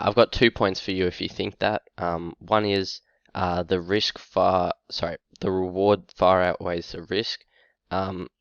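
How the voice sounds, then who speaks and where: A sick man, short of breath and coughing, talking to camera in a halting, casual way with many ums and uhs. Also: deep voice, creaky, a bit bright, no echo, muffled recording. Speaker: fantasy football YouTuber.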